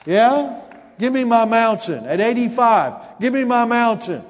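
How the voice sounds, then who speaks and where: A pastor in his forties, speaking in a very high-pitched, expressive, unhurried voice, delivers a sermon in a large hall. He calls out to the congregation in call-and-response fashion, building toward emphatic peaks.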